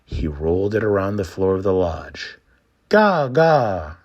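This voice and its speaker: A man narrating a scripted trickster folktale and explaining it in an expressive storytelling manner. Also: low-pitched, normal speed, highs cut off. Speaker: storyteller and presenter.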